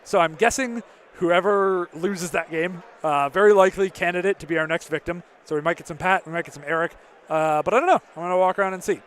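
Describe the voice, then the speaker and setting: Chatty high-voiced male stream commentator. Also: fairly even intonation, quick pace, fairly bright tone, clear, resonant tone. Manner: chatty, answers chat questions, frequent fillers. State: slightly losing his voice. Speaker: tournament commentator. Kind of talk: casual live-stream commentary.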